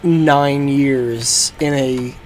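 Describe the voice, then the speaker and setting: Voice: medium pitch, steady tone, drawn-out words, a little hiss or hum, low-quality recording. A game streamer giving casual live gameplay commentary in a joking, rambling, profane way.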